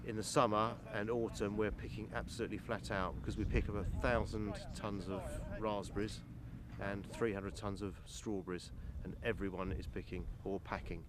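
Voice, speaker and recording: Farm manager, low-voiced man, eager and rambling, outdoor noise behind. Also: flat delivery, normal speed. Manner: enthusiastic, loud, rambling with restarts. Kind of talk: outdoor interview. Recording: noisy outdoor background.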